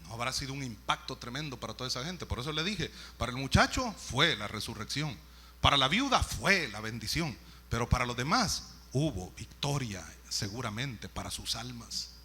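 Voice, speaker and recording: A man's voice: mid-range voice, moderate pace, breathy edge. A male preacher, delivering a storytelling sermon and acting out scenes. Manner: storytelling, animated, acts out scenes.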